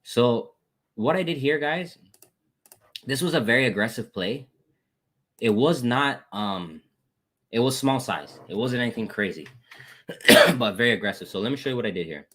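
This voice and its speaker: With long pauses and an expressive, fairly bright voice at a moderate pace, a man casually walks his audience through his trades via screen share. He's a trading educator who repeatedly says "guys" and "boom", flags his wins, and thanks chat members.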